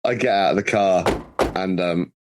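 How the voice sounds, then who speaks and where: A man's voice: sits low, normal speed, noisy background. A man, a tabletop game player, laid-back and blunt with a joking edge. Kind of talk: tabletop role-play chat.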